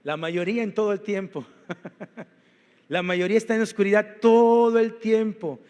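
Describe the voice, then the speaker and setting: A man's voice: sits high, steady tone, a little slow, a little mellow, long reverb tail. A male pastor preaching a sermon, walking his congregation through numbered points and rhetorical questions. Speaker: senior pastor. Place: church.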